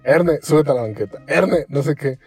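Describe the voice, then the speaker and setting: A young man with a Mexican Spanish accent tells a story on a casual podcast, full of slang. He acts out every quote, and his voice is mellow and sits a bit high. Faint music plays behind him. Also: normal speed, breathy edge, no echo.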